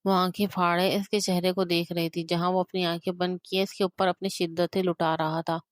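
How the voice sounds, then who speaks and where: A woman reading a romance novel aloud in steady, emotive scripted narration. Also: fairly low pitch, no room sound, studio quality.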